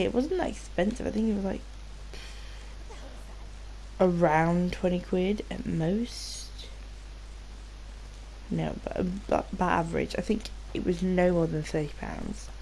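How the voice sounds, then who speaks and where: A British woman hosts a gameplay video, rambling informally and swearing freely, her voice slightly nasal from a cold. She speaks in a fairly low, soft-edged, creaky voice at a measured pace, with long pauses. The audio is poor, with slight noise and game ambience in the background.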